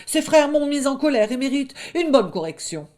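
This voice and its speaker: A woman's voice: high voice, very animated, brisk, darkish tone, voice pushed up. A woman putting on a bragging young wolf. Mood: flustered bluster. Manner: blustering, stammering when caught. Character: boastful young male wolf, lying braggart.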